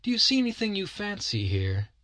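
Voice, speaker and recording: A man voicing a suave, sly male magic shopkeeper who talks smoothly and politely. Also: sits high, huge pitch swings, brisk, pushed and bright, no echo, clean studio sound, voice pushed up, exaggerated voice.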